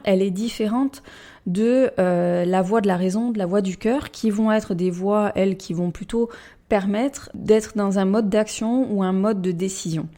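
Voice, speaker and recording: A woman coach hosting a calm self-help podcast, speaking in a gentle, measured way. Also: medium pitch. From France. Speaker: life coach and podcast host.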